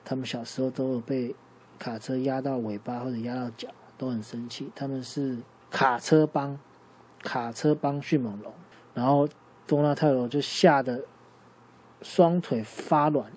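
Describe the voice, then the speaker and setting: A man improvising a bedtime story for a child, lively and asking the listener questions along the way. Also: mid-range voice, moderate pace, slight background noise.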